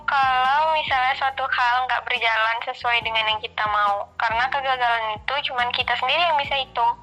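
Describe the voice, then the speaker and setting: Bright, high-pitched woman on a podcast. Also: steady tone, fairly quick, poor audio. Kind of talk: casual podcast chat. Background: background music.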